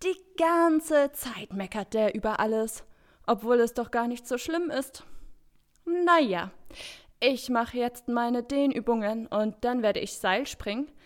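A woman voicing a cheerful, energetic girl hero and big sister in a children's audio drama. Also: on the high side, unhurried. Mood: puzzled. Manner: bubbly, upbeat, sisterly.

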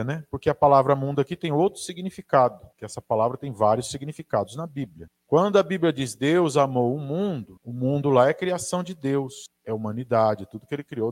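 A man with a Brazilian Portuguese accent, preaching a conversational sermon with asides to the audience. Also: mid-range voice.

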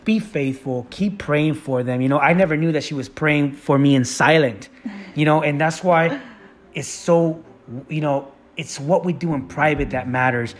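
A man co-hosting a casual talk with his wife about faith and marriage, halting with many fillers and restarts. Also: on the high side. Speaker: podcast co-host.

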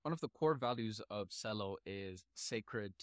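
A man's voice: on the low side, animated, unhurried, no echo, studio quality. A man hosting a casual podcast interview, opening the show and prompting his guest with brief, friendly questions and encouraging murmurs. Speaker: podcast host.

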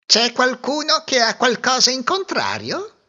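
A man's voice: sing-song, moderate pace, pushed and bright, dull audio, exaggerated voice. A man voicing a small, touchy male mouse suitor who is prickly and menacing in a storybook. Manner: shrill and touchy.

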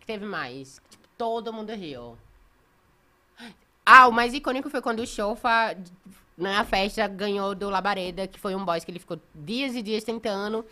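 A woman chatting as a guest, telling stories with animated quoted voices. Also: medium pitch. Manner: animated storyteller, acts out others' lines. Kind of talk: casual chat.

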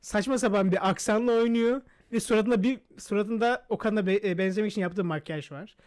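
Male podcast co-host, high voice, rapid-fire, playful teasing banter. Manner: animated, teasing, talks over the other. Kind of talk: casual chat.

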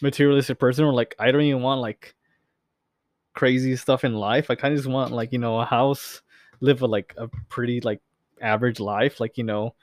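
A young podcast host chats loosely and fairly quickly, his rambling full of fillers and swearing. His mid-range voice is steady, recorded in clean studio quality with no room sound.

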